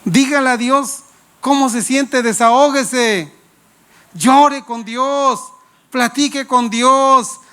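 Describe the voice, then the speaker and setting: A man's voice: extremely high pitch, slow, bright, forceful tone, clean tone. A male pastor, preaching a sermon with playful anecdotes and questions to the congregation. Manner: playful, laughs while telling anecdotes.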